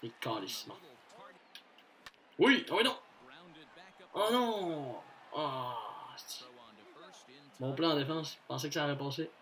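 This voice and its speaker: Excitable Quebec man calling his own game. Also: a little high, measured pace, pauses often, poor audio. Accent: Quebec French. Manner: excitable, swings from muttering to cheering, mixes English phrases; curses often. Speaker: gamer doing commentary. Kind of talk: casual gameplay commentary.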